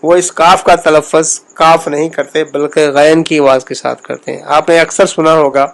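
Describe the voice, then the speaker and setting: A man giving a spoken lesson on pronunciation, explaining in a measured way, repeating sounds and pausing often. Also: on the high side, little pitch movement, gravelly. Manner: measured, explains slowly with repetitions and pauses. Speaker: language teacher.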